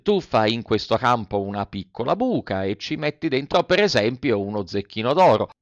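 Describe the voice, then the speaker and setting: A man voicing a sly, flattering male fox who talks smoothly to win someone over. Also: mid-range voice, normal speed, no echo, lo-fi sound. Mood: coaxing. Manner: persuasive, coaxing storyteller delivery.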